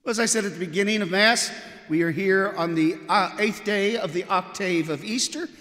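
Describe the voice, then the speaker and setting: A man speaking as a priest, reading and preaching in a measured, expressive liturgical manner in an echoing church. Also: high voice. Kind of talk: solemn scripture reading and homily. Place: large church interior, at a lectern. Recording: cathedral-like echo, long church reverb.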